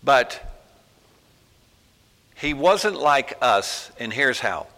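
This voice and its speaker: A man preaches in a slow, folksy storytelling manner, with casual asides between emphatic points. His voice is bright and forceful. A long reverb from the hall follows his words. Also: medium pitch, big pitch swings. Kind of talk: sermon.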